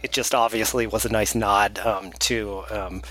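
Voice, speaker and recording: A man's voice: lowish voice, steady tone, normal speed, a bit bright, dry recording. Male podcast co-host, chatty, laughs easily, dry close sound. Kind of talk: casual film chat.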